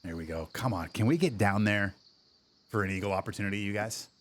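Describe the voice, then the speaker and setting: A man streaming a golf video game, chatting casually, answering viewer chat and getting excited over good shots. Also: on the low side, a little fast, slight background noise. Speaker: gaming streamer. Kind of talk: casual livestream game commentary.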